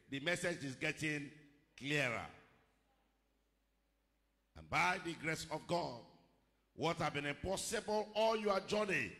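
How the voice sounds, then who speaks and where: A middle-aged male pastor giving a measured sermon into a handheld microphone at a pulpit, rising to emphatic declarations. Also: a little high, gravelly, pushed and bright. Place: large church hall, indoors. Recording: long hall reverb.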